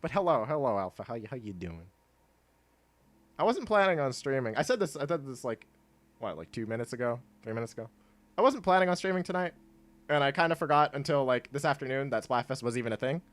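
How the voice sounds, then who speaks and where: A congested young man chatting in a low-key, rambling way while streaming a game, laughing often. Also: lively intonation, fast. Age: young adult. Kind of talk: casual gameplay stream chat. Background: quiet game music.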